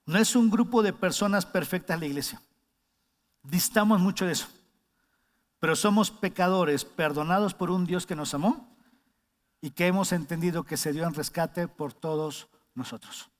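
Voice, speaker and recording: High-voiced pastor in a reverberant hall. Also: male voice, moderate pace. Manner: conversational, asks the congregation questions, acts out shouted warnings. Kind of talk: sermon.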